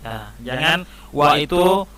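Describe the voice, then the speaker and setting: An Indonesian Islamic studies teacher with a fairly high, bright voice and lively intonation speaks slowly on a rough recording. In a classroom lesson, he patiently walks young children step by step through reciting and writing a short scripture passage.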